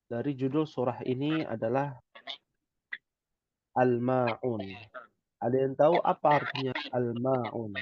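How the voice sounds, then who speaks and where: A man's voice: medium pitch, moderate pace, few pauses, dull audio. A man teaching an Arabic class online, patiently explaining and checking in with his students. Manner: patient, repeats "ya" often.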